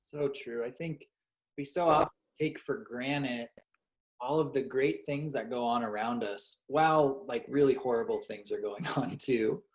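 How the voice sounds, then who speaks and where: A man's voice: mid-range voice, measured pace. A man hosting a casual show who chats with his guest and thanks him in an upbeat, encouraging way. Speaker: show host. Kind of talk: casual interview chat.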